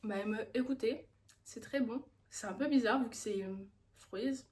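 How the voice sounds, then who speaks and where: A woman's voice: on the high side, moderate pace, a little mellow. A young woman chatting casually in a haul vlog, gushing with enthusiasm over her purchases, with music playing behind her. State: a little out of breath. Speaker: vlogger. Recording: background music.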